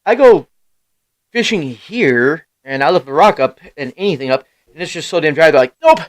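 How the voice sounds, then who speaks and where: A man in his thirties, a live stream host, telling rambling stories in casual chat, swearing freely and laughing at himself, with loud bursts when he gets worked up. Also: on the high side, expressive, normal speed, no echo, poor audio. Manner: rambling storyteller with sudden loud outbursts.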